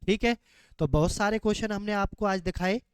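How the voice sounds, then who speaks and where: A man's voice: high-pitched, fairly quick, clean tone, no room sound. A man teaching a maths lesson, asking students questions and answering them himself, going over each step again and again. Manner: repeats questions back to students, drills steps.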